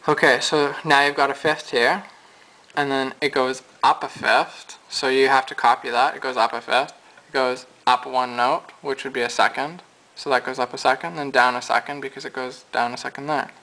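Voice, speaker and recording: A man's voice: mid-range voice, little pitch movement, moderate pace, sharp tone, rough recording. A man giving a casual, chatty piano lesson, explaining his points at the keyboard. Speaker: music teacher. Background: piano notes.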